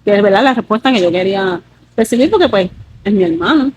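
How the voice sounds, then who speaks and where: A woman's voice: mid-range voice, animated, quick pace, slight background noise, poor audio. A woman, telling a personal testimony earnestly and leaning on fillers like "pues" and "¿verdad?". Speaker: guest giving a testimony.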